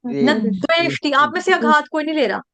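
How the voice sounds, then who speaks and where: A woman's voice: high voice, lively intonation, crowd noise. A woman, teaching a class to recite verses, breaking words into syllables and quizzing her students. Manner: slow syllable-by-syllable drilling with quick asides to students.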